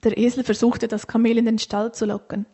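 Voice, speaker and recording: Female storyteller, gentle reading voice, soft breathy tone, mellow. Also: a little high, flat delivery, a little fast.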